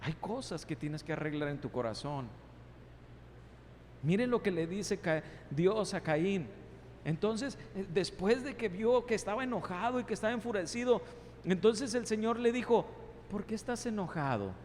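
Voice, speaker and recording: A man's voice: sits high, expressive, normal speed, a little mellow, slight background noise. A male pastor preaching an impassioned sermon, asking many rhetorical questions and voicing God's replies. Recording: long reverb in a large hall, faint ambience.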